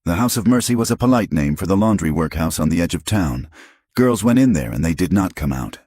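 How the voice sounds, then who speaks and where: A man reading a western audiobook as narrator, measured and dramatic. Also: deep voice, expressive, darkish tone, no echo, clean studio sound. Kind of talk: scripted narration.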